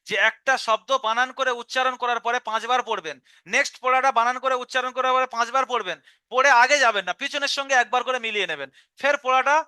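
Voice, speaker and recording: A man's voice: very high voice, sharp tone, clean tone, no echo, clean studio sound. A male Quran reading teacher giving a live online lesson, patiently explaining step by step and sounding out syllables aloud. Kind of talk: live online class instruction.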